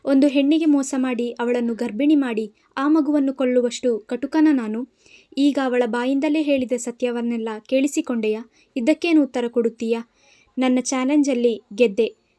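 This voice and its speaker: A woman's voice: high-pitched, normal speed, dark tone, close to an everyday voice. A woman voicing a stern, angry young husband who scolds harshly in a storybook reading. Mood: coldly accusing.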